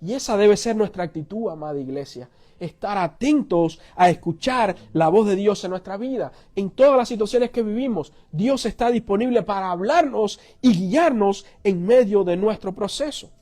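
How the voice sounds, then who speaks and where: Male pastor, high-pitched voice; animated sermon storyteller who drops to soft, earnest tones. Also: normal speed, hardly any pauses.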